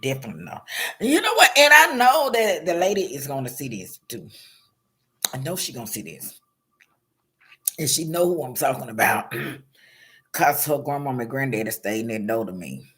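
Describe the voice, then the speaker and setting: A man's voice: medium pitch, big pitch swings, moderate pace, pauses often, fairly bright tone. A man talking casually to his viewers, telling personal stories in loose slang and laughing often. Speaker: vlogger. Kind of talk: casual storytelling monologue to viewers.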